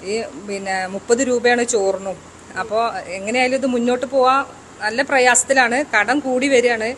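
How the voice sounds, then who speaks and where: A woman's voice: a little high, steady tone, a little fast, a little hiss or hum, poor audio. A woman, a community hotel worker answering an interviewer plainly and earnestly, with hesitations.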